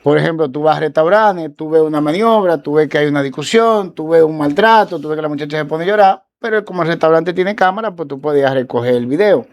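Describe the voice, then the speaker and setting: A man, a guest lawyer on a talk show, telling a case story in a casual, animated way and acting out the quoted dialogue. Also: on the high side, quick pace, hardly any pauses.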